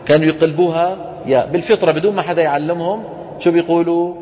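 A man's voice: a little high, fairly even intonation, fast. Levantine man teaching, quizzing his class. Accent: Levantine Arabic. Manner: quizzes students with frequent questions. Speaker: Quran recitation teacher. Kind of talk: classroom lesson. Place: lecture room with students. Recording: dull lo-fi recording in a reverberant hall.

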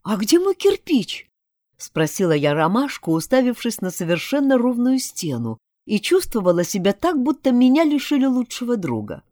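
A woman giving an expressive first-person audiobook narration, acting out the dialogue, close on the mic. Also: a little high, moderate pace, no echo. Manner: lively, acts out dialogue.

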